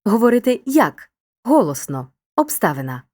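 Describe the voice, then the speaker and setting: A woman narrating a scripted school grammar lesson in a clear, upbeat, encouraging teacher's tone. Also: fairly high pitch, big pitch swings, normal speed, darkish tone.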